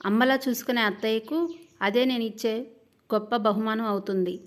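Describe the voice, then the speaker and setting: A nervous young bride who stands her ground, her fairly high voice tense and earnest, as a woman reads her. It sounds like a storybook audio serial. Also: normal speed, natural voice. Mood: pleading.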